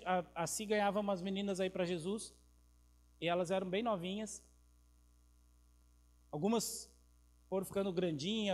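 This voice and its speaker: Animated high-voiced Brazilian pastor preaching. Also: male voice. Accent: Southern Brazilian Portuguese. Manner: animated, storytelling, shifts from loud emphasis to quiet intimacy. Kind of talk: sermon. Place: church. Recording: mains hum in background.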